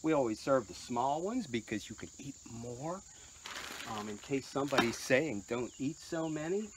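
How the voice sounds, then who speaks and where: A man's voice: mid-range voice, heavy background noise. An older man who vlogs about pottery, chatting casually as he serves treats to his dogs. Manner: chatty, talks sweetly to dogs, slow and lively. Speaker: potter and vlogger.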